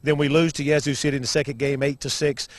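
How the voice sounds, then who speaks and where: A man's voice: medium pitch, flat delivery, fast, dry recording. A man giving folksy, conversational live baseball broadcast commentary. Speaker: baseball play-by-play announcer and interviewer.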